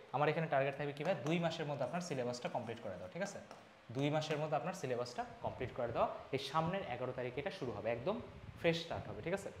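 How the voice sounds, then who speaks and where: A young man teaching an admissions class talks fast and emphatically, urging students along in an energetic pep talk. His voice sits fairly high. The room is echoey, with a faint ambient hum behind him. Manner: fast, emphatic, switches between formal and informal address.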